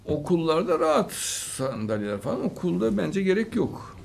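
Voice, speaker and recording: A man hosting a studio talk show, handing out religious blessings and praise in unhurried, drawn-out phrases. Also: high voice, wildly swooping pitch, vocal fry. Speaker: host.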